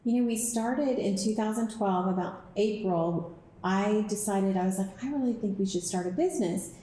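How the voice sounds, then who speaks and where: A woman in her forties from Dallas, a company co-founder answering interview questions in a relaxed, plain-spoken way. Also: medium pitch, moderate pace, roomy sound, low-quality recording. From Dallas, Texas. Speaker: business co-founder, guest. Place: office.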